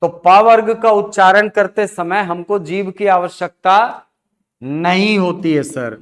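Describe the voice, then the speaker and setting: A man's voice: sits high, slow. A man teaching a phonetics lesson, who asks questions and answers them himself. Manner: asks and answers his own questions, addressing students as sir. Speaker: Hindi teacher. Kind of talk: classroom lecture on phonetics.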